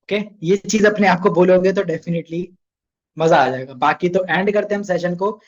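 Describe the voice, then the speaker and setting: A man's voice: sits high, normal speed, dull audio. A young man runs a casual online sales training session, chatty and coaxing, often asking his listeners questions.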